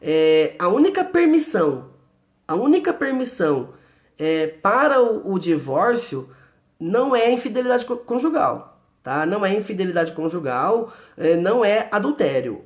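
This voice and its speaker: A man's voice: high-pitched, big pitch swings, moderate pace. A man teaching the Bible live to an online audience, explaining Greek words step by step, reading verses aloud, answering viewer comments and checking in with listeners often.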